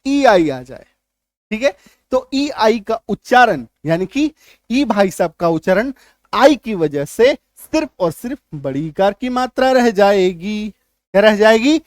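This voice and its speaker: A male teacher giving a spoken lesson, repeating each point and quizzing the listener with quick questions as he drills lists of words. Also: high-pitched, lively intonation, a little mellow, dry recording, studio quality. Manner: drills word lists aloud, one word at a time.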